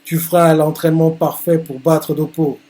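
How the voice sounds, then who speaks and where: A man's voice: on the high side, little pitch movement, normal speed, warm tone, natural voice. A man reading the lines of a cocky young male fighter from a manga, boastful and gleeful.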